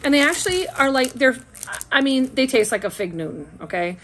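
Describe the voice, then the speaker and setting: Sitting at her table at home in a small indoor room, a middle-aged woman chats informally and at length in a product review, filmed by a camera a short distance across the table. She sounds high, very animated, a little fast and fairly bright, with slight background noise.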